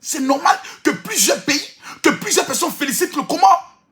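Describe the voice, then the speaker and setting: A man with an Ivorian French accent delivers a teasing, repetitive monologue, often shouting. His voice sits high and sounds bright and forceful. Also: lively intonation, moderate pace, soft background music. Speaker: social media commentator. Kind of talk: animated provocative monologue.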